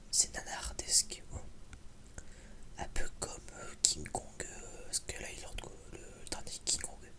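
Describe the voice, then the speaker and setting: A man whispers breathily, his voice nearly unvoiced, chatting casually and hesitantly. He's an ASMR YouTuber who reviews films, rambling in a blunt, slangy way.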